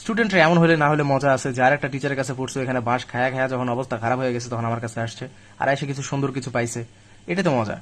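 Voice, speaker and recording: Weak and ill, speaking slowly, this young man still runs a chatty, direct live online grammar lesson for admission students. His mid-range voice races along.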